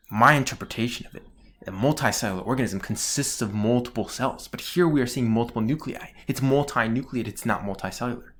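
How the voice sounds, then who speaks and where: Guy tutor walking thru a question out loud, stresses and repeats his points, mid pitched voice. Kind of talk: explanatory lesson, working through a question aloud.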